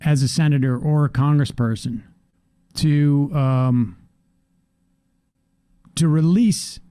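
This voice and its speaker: A man talks through a point slowly, with lots of ums and restarts. His voice is fairly high yet mellow, and the sound is dry and close. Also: no echo. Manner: slow, filler-heavy, searching for words. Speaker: political commentator. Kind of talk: casual discussion.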